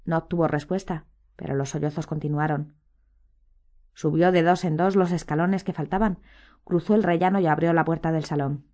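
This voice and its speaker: A woman narrating an audiobook in a measured, even reading voice. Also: low-pitched.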